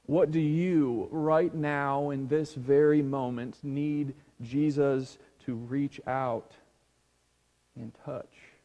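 A man preaching a sermon as a pastor, slow and hushed, sinking almost to a whisper on key words. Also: mid-range voice, fairly even intonation, in a large hall. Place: church sanctuary.

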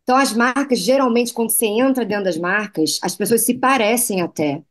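A Brazilian woman with a Brazilian Portuguese accent, a fashion designer telling lively anecdotes as a guest in a TV interview. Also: a little high, fairly quick. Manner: lively anecdotes, slips into foreign phrases. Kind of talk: TV interview storytelling.

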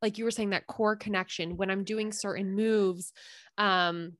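A woman's voice: medium pitch, fairly even intonation, unhurried, fairly bright tone, dry recording, studio quality. A young pregnant woman hosting a casual interview chat, chatty and relatable with many fillers. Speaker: podcast host and trainer.

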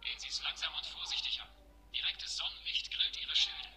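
A man's voice: brisk, whispered. A man voicing a male marine in a video game who is pinned down and calling for help over a sci-fi radio communicator, in clipped military speech. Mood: terse. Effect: sci-fi radio communicator transmission. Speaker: game character. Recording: noisy crackling radio channel.

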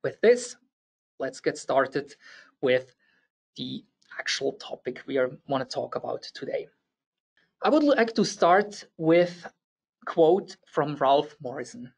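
A Swiss man with a Swiss German accent leads a technical engineering webinar, walking through things step by step. His voice is fairly high, very animated, and a little breathy. He sounds explanatory but slightly halting, with occasional fillers and restarts.

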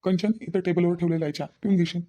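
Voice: medium pitch, flat delivery, fast, mellow, lightly acted. A performer voicing a young husband in a cartoon, coaxing and pleading, caught between wife and mother, with a Vidarbha Marathi accent. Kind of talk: cartoon voice acting.

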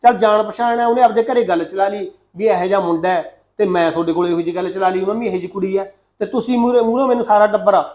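A man's voice: high voice, fairly even intonation, a little mellow, highs cut off, natural voice. A man playing a young police officer who argues insistently with his mother about his marriage. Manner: insistent, pleading, fast talk. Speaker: son and police officer in a short film. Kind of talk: amateur village family drama acting.

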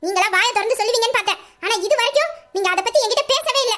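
A woman's voice: very high-pitched, animated, racing, sharp tone, exaggerated voice. A woman acting a young woman about to marry, pleading through sobs in an audio drama. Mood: tearful pleading. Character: young woman, earnest, torn and tearful bride-to-be.

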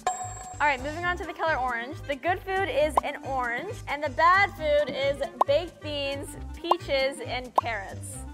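A woman's voice: high-pitched, unhurried. A woman hosting a challenge game in a playful, teasing way, with music playing underneath. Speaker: challenge video host. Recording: background music.

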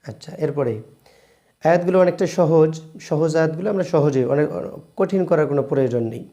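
A man teaching Quran recitation, chanting verses slowly and drawn out, then explaining the pronunciation in plain speech with a Bangladeshi Bengali accent. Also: on the high side, dark tone. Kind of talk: slow drilled recitation lesson.

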